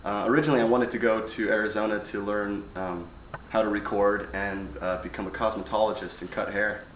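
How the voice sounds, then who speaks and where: A young man chatting casually on a livestream, answering fan questions with a relaxed manner, often laughing and letting his sentences trail off softly. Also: fairly low pitch, brisk, far from the mic. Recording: roomy, off-mic with faint hum.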